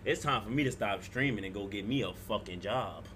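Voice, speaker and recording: A man's voice: fairly low pitch, fairly quick, fairly bright tone, slight background noise. A man in his twenties livestreaming a game, joking crudely and talking to his chat. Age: 20s. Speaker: streamer. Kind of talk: casual gaming livestream chat.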